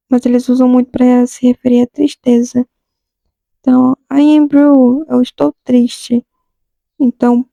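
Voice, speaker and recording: A young woman in a casual lesson, reading English song lines slowly and then explaining them in a chatty way. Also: high voice, vocal fry, mellow, dry recording, low-quality recording. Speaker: song lyrics teacher.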